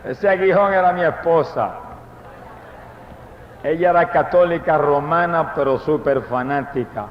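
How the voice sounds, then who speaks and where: An older man with a Puerto Rican accent preaching a fervent testimony sermon, breaking into shouted praise. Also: fairly high pitch, unhurried, long pauses, slight background noise. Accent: Puerto Rican Spanish. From Puerto Rico. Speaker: evangelist preacher. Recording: echoey hall, dull lo-fi recording.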